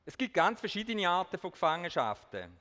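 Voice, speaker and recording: Speaking to an audience in a big hall, a man shares an earnest testimony, animated and a little slow, and lightens it with jokes at his own expense. He switches to standard German for the crowd, his slightly high voice has a fairly bright tone, and each phrase carries a long reverb tail.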